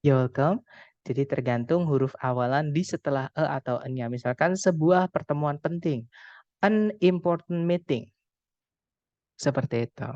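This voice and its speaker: Indonesian guy tutoring english online, patient, slow examples, kinda higher voice, dry muffled call sound. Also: a little mellow, dry recording. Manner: patient, explains slowly, often addresses students as friends. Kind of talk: online grammar lesson. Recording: dull dry call audio.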